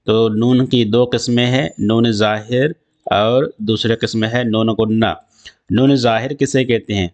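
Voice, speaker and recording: A man teaching an Urdu grammar lesson, explaining slowly and repeating himself with restarts, with an Indian Urdu accent. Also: fairly low pitch, fairly even intonation, a little mellow. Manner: slow, repetitive explaining with restarts.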